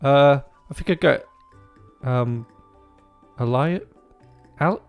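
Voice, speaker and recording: A man's voice: medium pitch, normal speed, narrow, tinny audio. Crude, joking male game commentator. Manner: crude, joking and rambling, with frequent restarts. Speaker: gaming video host. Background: faint game music.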